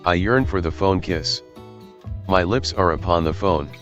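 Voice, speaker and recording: A computer voice playing a lovesick man calling in over a phone line, with a slow, syrupy romantic delivery. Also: low voice, a bit bright. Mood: yearning. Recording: dull lo-fi audio with music.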